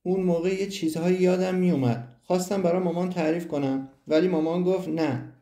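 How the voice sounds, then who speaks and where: A man's voice: high voice, fairly even intonation, dark tone, pitched above the performer's own voice, lightly acted. A man voicing an anxious young boy in an audiobook. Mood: pleading. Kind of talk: audiobook reading. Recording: roomy echo.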